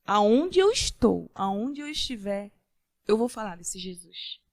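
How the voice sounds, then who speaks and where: A woman giving a personal faith-filled testimony as a podcast guest, earnest, with halting restarts. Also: medium pitch, very animated, dry recording, studio quality. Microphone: studio podcast mic.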